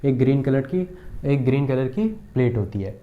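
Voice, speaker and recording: A man's voice: mid-range voice, expressive, moderate pace, muffled recording. A man teaching a computer lesson at a board, asking the class questions and repeating key terms with frequent checks.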